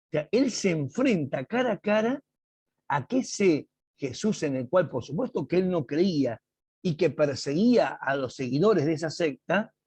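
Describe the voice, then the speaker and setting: Man, Bible teacher in an online class, husky voice, dry close sound. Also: on the high side, lively intonation, darkish tone, dry recording. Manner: slow, emphatic explaining with dramatic read-aloud quotes. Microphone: video call.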